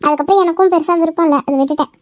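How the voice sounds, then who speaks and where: A woman's voice: very high-pitched, fairly even intonation, racing, dry recording, studio quality. A woman voicing a blunt, sassy young woman in an amateur cartoon.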